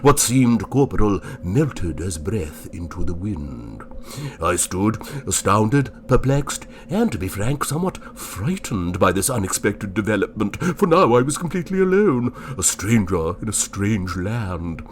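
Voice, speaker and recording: A fussy, genteel gentleman ghost, as a man acts him out, pompous and wordy, wandering from low rumbles to sudden high notes. His pitch sits low, and a faint background hush runs under the talk. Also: very animated, measured pace, background noise. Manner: wordy, pompous and politely bemused. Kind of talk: first-person storytelling and acting.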